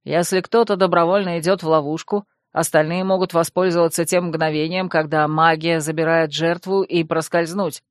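A man's voice: a little high, fairly even intonation, normal speed, few pauses, dry recording, natural voice. A woman voicing a sardonic young fox shifter. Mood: musing. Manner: dry, mocking, drawling.

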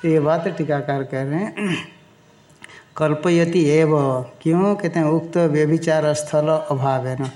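Man teaching old scripture, kinda high voice, really slow and careful, stops to chant verses and explain them. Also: warm tone, soft background music. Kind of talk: Sanskrit text lecture in Hindi.

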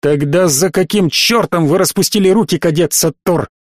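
A man's voice: high voice, moderate pace, no room sound, studio quality. A man voicing a stern military colonel who questions in a cold, hard tone, in an audiobook. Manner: cold, interrogating.

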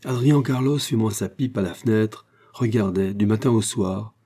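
Man, audiobook narration, measured reading, low pitch, warm dark tone. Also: husky. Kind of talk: scripted narration.

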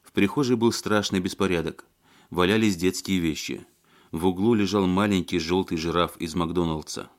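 Guy narrating an audiobook, really deep low voice, steady and measured. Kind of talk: scripted narration.

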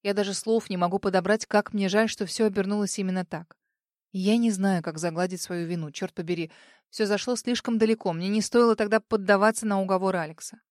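A weary middle-aged male lawyer speaks low and earnestly, full of regret, as a woman narrator puts him on. His pleading tone sits in a mid register. It is recorded dry and close, with no room sound. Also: steady tone, fairly quick, a little mellow, dry recording, lightly acted. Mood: remorseful. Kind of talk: audiobook character voice.

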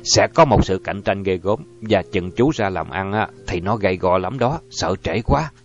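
A man's voice: sits low, normal speed, a little hiss or hum. A man reading an audiobook voices a frank singer raising doubts about a business deal. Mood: doubtful. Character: eager singer man, doubtful then keen. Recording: dull lo-fi audio, faint music.

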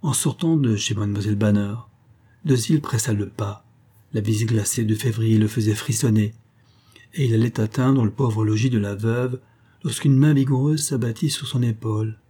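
Guy narrating an old crime story, dark husky voice, steady. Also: lowish voice, moderate pace. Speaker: audiobook narrator. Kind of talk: narrating a 19th-century crime novella.

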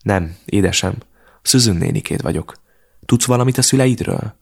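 A man voicing a caring middle-aged aunt in an audiobook, gentle and reassuring. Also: fairly low pitch, gravelly, husky. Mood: soothing.

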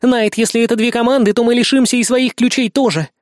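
A man's voice: high voice, fast talker, darkish tone, no room sound, clean studio sound, voice pushed up, close to an everyday voice. A man voicing a cold, pragmatic young woman who urges and commands insistently. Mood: urgent insistent.

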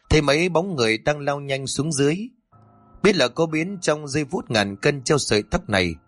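A man's voice: medium pitch, fairly bright tone. A man narrating a scripted village tale in a dramatic, vivid way. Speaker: storyteller. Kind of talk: scripted horror story narration.

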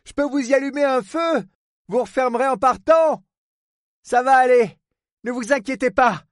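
A man voicing a gruff, fretful middle-aged male harbor superintendent in an audiobook, speaking bluntly and rustically, full of oaths. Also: very high voice, normal speed, dry recording, studio quality, pitched above the performer's own voice. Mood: worried, pleading. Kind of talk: audiobook character voice.

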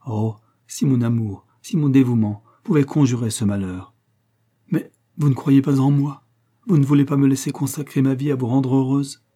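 A man voicing a passionate, heartbroken young suitor who implores with feeling, in a dark husky voice. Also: medium pitch, steady tone, normal speed, pitched above the performer's own voice, lightly acted. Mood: passionate imploring.

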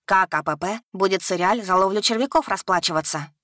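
A woman's voice: mid-range voice, a little fast, no echo, clean studio sound, close to an everyday voice. A woman doing a chatty young dragon boy. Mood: pushy. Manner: talkative, excited. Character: chatty, restless young male dragon student.

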